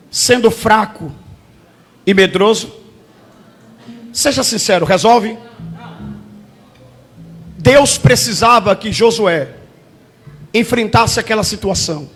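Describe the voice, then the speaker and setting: A bishop preaching a fervent sermon, repeating phrases and calling out to the congregation. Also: male voice, high-pitched, animated, slow pace, long pauses, faint music behind. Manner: fervent, repetitive preaching with call-and-response. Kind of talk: shouted sermon.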